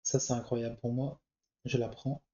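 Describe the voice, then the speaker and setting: This man has a mid-range, warm voice with little pitch movement and a normal speed, though the highs are cut off. He has a cold and offers relaxed let's-play commentary on a card game, thinking aloud and muttering over his choices.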